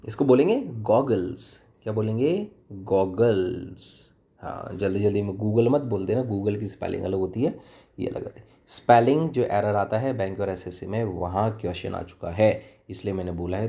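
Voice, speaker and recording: A man's voice: mid-range voice, warm tone. A man with a Hindi accent teaching English vocabulary in a chatty classroom style, asking and answering his own questions. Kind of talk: classroom lesson explaining vocabulary.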